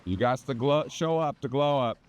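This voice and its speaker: A man trading casual, sarcastic, deadpan jokes while out running. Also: mid-range voice, normal speed, clear, resonant tone. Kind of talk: casual banter on a run.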